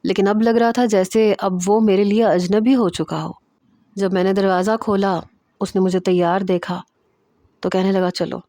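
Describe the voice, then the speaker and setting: A woman narrates a first-person love story in a steady, expressive reading voice. Her pitch is ordinary and the sound is dry and close to the mic. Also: no echo.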